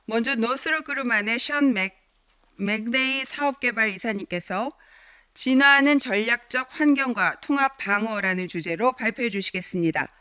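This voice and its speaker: Female event announcer, formal and scripted, extremely brisk pace, bright tone, dry close sound. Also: a little high, clean tone, no room sound. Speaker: conference announcer.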